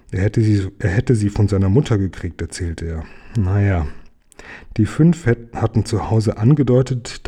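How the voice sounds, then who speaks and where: A man reading a children's novel aloud as narrator, in a calm storytelling manner. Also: fairly low pitch, husky. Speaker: audiobook reader.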